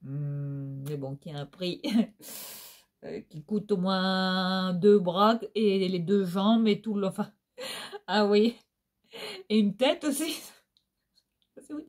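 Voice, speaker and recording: A middle-aged woman with a lilting Réunionese Creole accent talks her viewers through empty beauty products. Her voice sits at an ordinary middle pitch, and she keeps the chat loose with fillers and little tag questions, recorded at home. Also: takes it slowly, pauses often, darkish tone. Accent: Réunionese Creole French. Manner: chatty, many fillers and tag questions, sing-song. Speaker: beauty vlogger. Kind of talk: casual product review chat. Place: at home, indoors.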